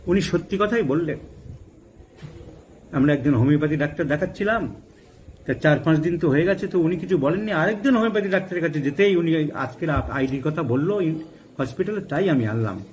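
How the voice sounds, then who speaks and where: A middle-aged man giving a homeopathy lecture, emphatic, rising to forceful high stresses and mixing in English medical terms. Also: animated, a little fast, rough recording. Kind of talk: lecture with anecdotes. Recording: faint background noise.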